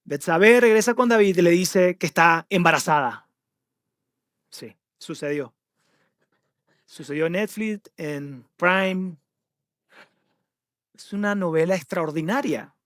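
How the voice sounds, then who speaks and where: A Mexican-accented man preaches a sermon in a high, lively voice and keeps quizzing his listeners. His voice sounds dry and close, with no room echo. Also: takes it slowly, pauses often. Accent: Mexican Spanish. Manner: animated storytelling, quizzing the audience. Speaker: pastor.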